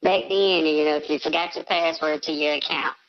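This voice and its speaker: A man's voice: a little high, steady tone, fairly quick, highs cut off. An anonymous male caller talking through a voice changer, chill and offhand as he confesses on a call-in show. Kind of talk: casual phone-in confession.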